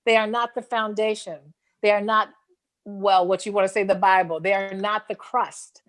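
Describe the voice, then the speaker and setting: A woman's voice: medium pitch, fairly even intonation, normal speed. A woman podcast host speaking emphatically, often restarting and repeating phrases as she makes her point. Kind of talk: casual interview chat.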